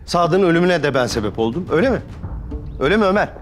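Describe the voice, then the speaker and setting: An actor playing a quick-tempered older brother who talks in a bitter, defensive way. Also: male voice, a little high, animated, faint music behind, close to an everyday voice. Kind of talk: TV drama acting.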